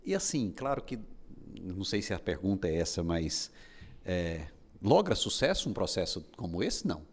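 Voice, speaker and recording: A man's voice: sits low, big pitch swings, moderate pace. A man hosting a conversational podcast interview, chiming in briefly to agree and round off his guest's points. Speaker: podcast host.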